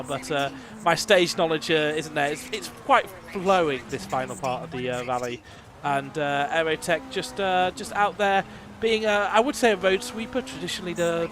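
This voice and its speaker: A man giving chatty live commentary on a sim racing rally, joking with his co-host. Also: fairly high pitch. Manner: chatty, joking, reads stage details.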